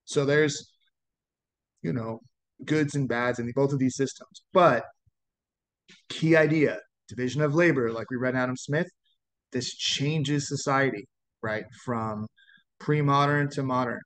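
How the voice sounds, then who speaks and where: A man's voice: mid-range voice, unhurried, long pauses, fairly bright tone, poor audio. A man in his thirties giving an informal sociology lecture, rambling and often checking in with "right?".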